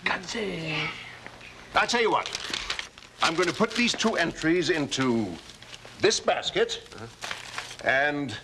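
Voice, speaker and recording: An actor playing a genial, folksy railway official who thinks aloud, in children's television. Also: male voice, on the high side, lively intonation, slow, pauses often, background noise. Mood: folksy, deliberating.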